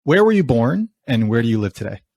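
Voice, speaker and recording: A man's voice: mid-range voice, very animated, fairly quick, a little mellow, no echo. A man hosting a podcast interview, asking questions eagerly and often restarting his words. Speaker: podcast host. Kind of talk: conversational interview.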